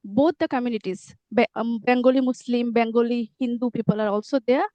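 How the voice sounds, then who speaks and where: A woman's voice: a little high, steady tone, brisk, dry recording, lo-fi sound. A woman with an Assamese accent, native Assamese speaker, chatting over a video call and explaining carefully, sometimes spelling words out. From Assam, India. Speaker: conversation partner. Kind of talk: casual chat.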